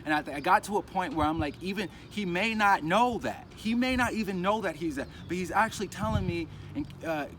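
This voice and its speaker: A man's voice: high voice, a little fast, hardly any pauses. Man rambling outdoors over street traffic. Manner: rambling, animated, acts out others' lines. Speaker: crypto vlogger. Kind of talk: casual storytelling vlog. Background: traffic noise.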